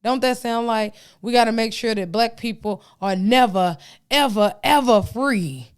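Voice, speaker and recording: A woman's voice: fairly high pitch, a little slow, smooth. A woman from the United States, hosting a podcast and talking through the news in a casual monologue, reading excerpts aloud with her own asides. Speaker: podcast host.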